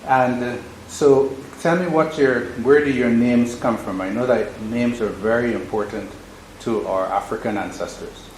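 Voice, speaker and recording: A man's voice: medium pitch, unhurried, a little mellow, slight background noise. A man interviewing a parish priest, asking plain, friendly questions. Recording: roomy echo with faint background ambience.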